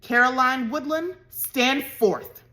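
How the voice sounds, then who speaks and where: A woman's voice: medium pitch, big pitch swings, moderate pace. Woman doing a stern, proper farm mother. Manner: firm, formal, scolding.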